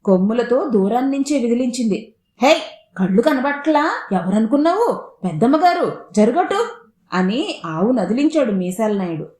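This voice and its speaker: Woman narrating a story in an echoey room. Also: on the high side. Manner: lively first-person storytelling.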